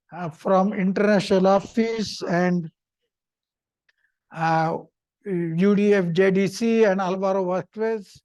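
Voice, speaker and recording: High-pitched older man giving informal lecture. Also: a little mellow. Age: middle-aged or older. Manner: chatty, repetitive, short simple phrases. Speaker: visiting professor giving a seminar talk.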